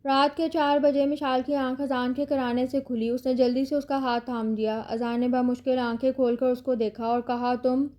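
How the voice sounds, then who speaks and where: A woman narrating a romantic novel in a steady, even storytelling read. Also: sits high, hardly any pauses, muffled recording. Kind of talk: scripted audiobook narration.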